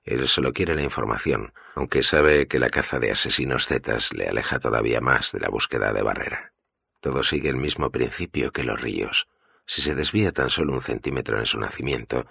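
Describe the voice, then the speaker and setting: A man narrating an audiobook in a steady, grave way. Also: a bass voice, creaky, breathy edge, dry recording, clean studio sound.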